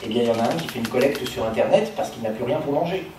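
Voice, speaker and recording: A man speaks at a public meeting in an explanatory, structured way, posing rhetorical questions as he goes. His medium-pitched voice is picked up from a distance in a very reverberant room with faint noise. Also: rapid-fire, a little mellow. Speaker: political speaker.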